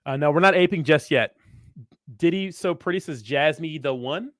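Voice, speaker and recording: A man's voice: on the high side, moderate pace, fairly bright tone, dry recording, studio quality. A man hosting a casual livestream, talking with hyped frat-bro slang and swagger. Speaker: crypto livestream host.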